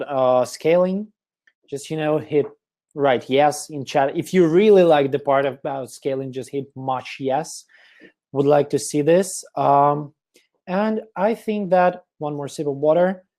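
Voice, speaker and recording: A man with a slightly high voice gives a webinar presentation over his computer mic. He walks through each step in a methodical way, with lots of "uh" and "um", and his voice is turning hoarse. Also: darkish tone. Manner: explanatory, step-by-step, with frequent fillers and throat clearing. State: voice getting hoarse. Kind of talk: online conference presentation.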